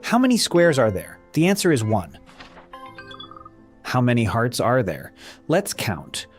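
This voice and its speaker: A man's voice: mid-range voice, wildly swooping pitch. A man leading a counting lesson for young children, asking how many shapes there are and counting them aloud one by one. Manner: slow, sing-song counting with questions and answers. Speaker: children's math teacher. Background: faint background music.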